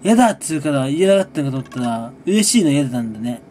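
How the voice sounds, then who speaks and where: A man who makes gaming videos, chatting casually through a monthly recap, relaxed and rambling with frequent chuckles between sips of a drink. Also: medium pitch, racing, slight background noise. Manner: talks while sipping a drink.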